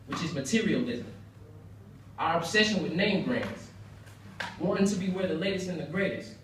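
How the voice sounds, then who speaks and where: A young American man speaks at a banquet, his prepared remarks echoing around a large indoor room and picked up from far away. The voice is a bit high and earnest, emphatic and built on rhetorical repetition, with faint noise behind it.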